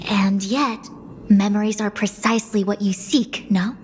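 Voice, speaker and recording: A woman voicing a composed, philosophical companion in a video game, measured, formal and coolly inquisitive. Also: mid-range voice, steady tone, slight background noise, lightly acted. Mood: calm, probing.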